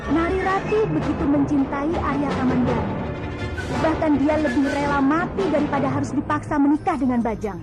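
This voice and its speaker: A woman's voice: high-pitched, brisk, over loud music, close to an everyday voice. A woman playing a sly snake-demon schemer in a fantasy drama, speaking in an insistent, scolding way. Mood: insistent, persuasive. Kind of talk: fantasy television drama acting.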